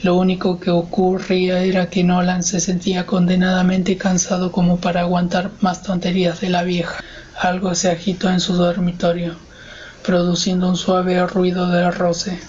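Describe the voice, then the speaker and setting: A man narrating a horror audiobook in a measured, steady voice. His pitch stays almost perfectly flat from line to line. The recording sounds dull and lo-fi, with a faint hiss beneath the voice. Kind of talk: scripted narration of a horror story.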